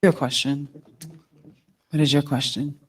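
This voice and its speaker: A man hosting a dating show, briskly prompting each person with the same question. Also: a little high, flat delivery, slightly rough.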